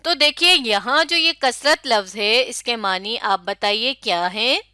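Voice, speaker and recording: A woman's voice: on the high side, pushed and bright, clean tone, no room sound, clean studio sound. A woman with a Pakistani Urdu accent giving a classroom lecture, asking questions, confirming answers and spelling words letter by letter. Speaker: teacher.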